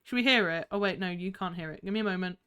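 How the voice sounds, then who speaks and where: Bubbly woman streamer with a bright voice. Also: on the low side, very fast, smooth. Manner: bubbly, giggly and excitable, chatting to viewers. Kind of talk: live gaming stream chat.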